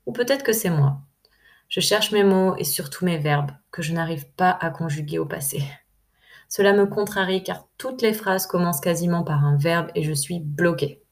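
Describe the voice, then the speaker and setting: A young woman from France calmly reading her first-person travel diary aloud in a measured way. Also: lowish voice. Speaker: narrator.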